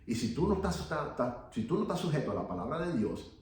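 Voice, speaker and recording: A man's voice: medium pitch, big pitch swings, fast, darkish tone, a little hiss or hum. A man teaching a church Bible class in an earnest preaching tone, often repeating key phrases and checking in with "ok". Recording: echoey room, voice from a distance.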